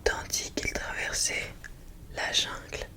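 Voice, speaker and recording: Very slow whispered library-style ASMR storybook reading. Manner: hushed library-like whisper, unvoiced. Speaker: ASMR host reading aloud. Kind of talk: whispered ASMR read-aloud of a children's picture book, with asides to listeners.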